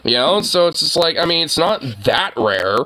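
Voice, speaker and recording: A man's voice: fairly high pitch, big pitch swings, moderate pace, bright, forceful tone. A man giving a casual, profane reaction to a video, rambling with lots of fillers and laughing.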